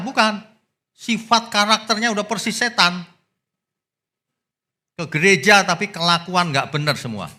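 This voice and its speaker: A male pastor preaching a sermon, swinging from loud exclamations to low asides. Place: church.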